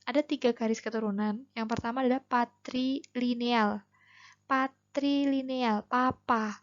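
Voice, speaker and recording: A woman's voice: a little high, steady tone, a little fast, slight background noise. A woman teacher with a Javanese accent, explaining a lesson patiently and asking her students questions as she goes. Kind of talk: classroom lesson video. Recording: dull lo-fi recording.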